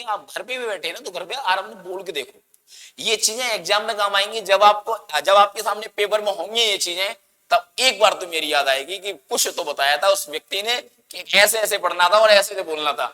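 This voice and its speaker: A man's voice: high voice, pushed and bright, big-room sound. A man teaching a grammar lesson, asking the class questions and answering them himself, and coaxing students to say sounds aloud.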